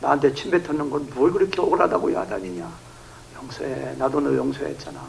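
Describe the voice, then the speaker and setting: A man's voice: medium pitch, very animated, quick pace, creaky, a little hiss or hum, voice pushed down. A man voicing God as a fatherly figure who casually scolds a wronged believer and tells him to forgive. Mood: gently chiding.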